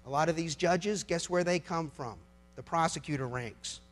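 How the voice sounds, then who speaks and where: A middle-aged American man, a lawyer, delivers an impassioned political speech to a live audience. His voice is a little high, and he speaks emphatically, using rhetorical questions and dramatic pauses.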